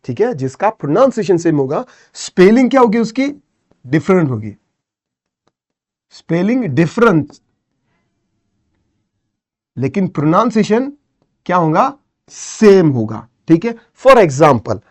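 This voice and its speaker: A man with an Indian English accent teaching a lesson in a slightly higher voice. He goes step by step, repeats each term and keeps checking that his students follow. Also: sing-song, a little slow, long pauses, a little mellow. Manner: explains step by step, repeats terms, many "theek hai" checks. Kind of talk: exam-prep lesson.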